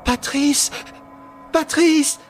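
A man voicing a frightened young woman in a read-aloud novel, crying out in a high, pleading voice. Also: fairly even intonation, drawn-out words, music in the background, full character voice. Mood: panicked. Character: terrified young woman trapped in darkness.

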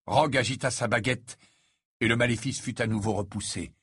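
A man reading a fantasy novel aloud in measured, dramatic scripted narration. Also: medium pitch, a bit bright, breathy edge, no room sound, studio quality. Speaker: audiobook narrator.

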